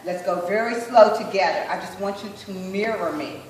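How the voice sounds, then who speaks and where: A woman instructor coaching a group rehearsal, encouraging them and slowly repeating phrases as she demonstrates. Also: mid-range voice, a little mellow, echoey room, far from the mic, a little hiss or hum. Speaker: sign language dance instructor.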